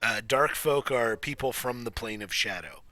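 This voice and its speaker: A man's voice: medium pitch, normal speed, bright, forceful tone. A man chatting casually about tabletop games, explaining lore and his old character. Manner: explains game lore knowingly. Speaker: tabletop player. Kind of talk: casual chat.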